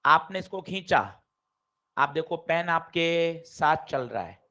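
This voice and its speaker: High-voiced male physics teacher lecturing. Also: slow pace. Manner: lively, addresses students directly with questions. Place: classroom. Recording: dull lo-fi classroom recording.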